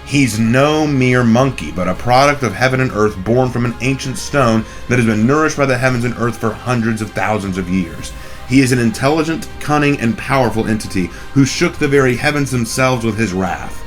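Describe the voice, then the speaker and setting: A man's voice: medium pitch, normal speed, soft background music. A man hosting a scripted explainer video, his voice slightly off from a cold. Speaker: video host.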